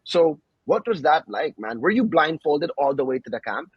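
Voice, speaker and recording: A laid-back male podcast host with a husky voice keeps tossing in "bro" and "man". His recording sounds dull and lo-fi, and completely dry. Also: on the high side, big pitch swings, normal speed, no room sound. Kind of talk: casual interview chat.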